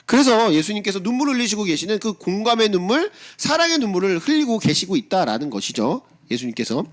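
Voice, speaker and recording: A middle-aged pastor preaching a sermon in a high, lively voice that climbs and drops a lot. He talks with his congregation more than at them, firing rhetorical questions and acting out blunt replies of his own. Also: fast talker. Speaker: senior pastor.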